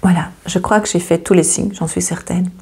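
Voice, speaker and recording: Woman host, low gravelly voice, hesitant and reassuring astrology talk, flat delivery. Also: brisk, slight background noise. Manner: hesitant, many fillers and repeats, gently reassuring. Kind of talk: casual astrology reading to camera.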